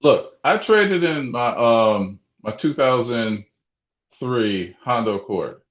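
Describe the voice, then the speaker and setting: A man with an animated, mid-range voice speaks slowly while hosting a sports talk show full of casual radio banter. He rambles and keeps interrupting himself with restarts, and the sound is dull and muffled in an echoey room.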